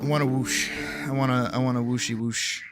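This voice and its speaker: An animator editing his own series on a livestream chats casually and thinks aloud, swearing freely and sarcastically and sometimes muttering to himself. His mid-range voice is steady at a moderate pace, heard over loud music.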